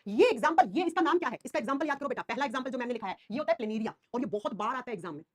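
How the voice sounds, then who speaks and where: A young woman teaching a science class online, animated, repeating key terms and fondly calling students "beta". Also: fairly high pitch, racing.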